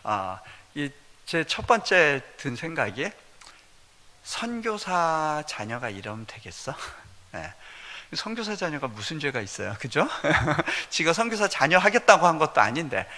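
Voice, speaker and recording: A man's voice: fairly high pitch, sing-song, moderate pace, pushed and bright. A man, a missionary preacher, telling personal stories in a conversational sermon, often chuckling between points. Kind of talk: storytelling sermon at a revival meeting. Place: church sanctuary. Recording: long reverb of a church hall.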